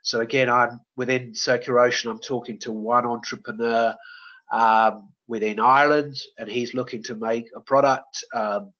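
A man's voice: mid-range voice, fairly even intonation, moderate pace, sharp tone. A man presenting in a webinar and answering questions, with many fillers and restarts. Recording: dull lo-fi webinar audio.

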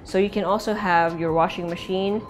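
A young woman guides viewers casually through an empty house, indoors and outdoors, with a Filipino accent and mid-sentence language switches. Her lowish voice is steady at a moderate pace, soft music behind.

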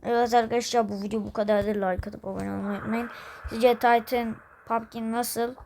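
A woman's voice: fairly high pitch, flat delivery, fairly quick, creaky, darkish tone, a little hiss or hum, poor audio. A woman hosting a gameplay video, chatting casually in slang and playfully voicing the characters. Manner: slangy and playful, swapping between voiced characters. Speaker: gaming channel host.

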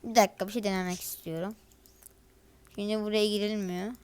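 A woman's voice: medium pitch, fairly even intonation, a little fast, a little mellow, smooth. A teenage girl, casually commenting over her gameplay in a chatty, grumbling way and talking straight to her viewers. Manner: chatty, grumbling and exasperated, addresses viewers directly. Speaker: gaming video creator.

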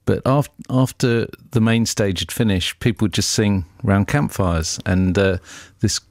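Male guest, low voice, chatty anecdotal delivery, dry close mic. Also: a little slow, no echo. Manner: chatty storyteller, laughs often. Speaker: record label boss. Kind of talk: radio interview guest, anecdotes.

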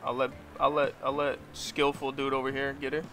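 A young man streaming a hockey game with friends, yelling at the game, swearing and laughing as he plays. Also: mid-range voice, completely flat delivery, brisk, faint music behind. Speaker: gaming streamer. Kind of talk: excited gameplay chat.

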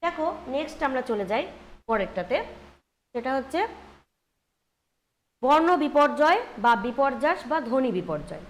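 Female teacher, bright high voice, steady step-by-step explainer. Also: moderate pace, long pauses. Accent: Bengali. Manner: explains step by step, often asks "ঠিক আছে?". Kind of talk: grammar lesson.

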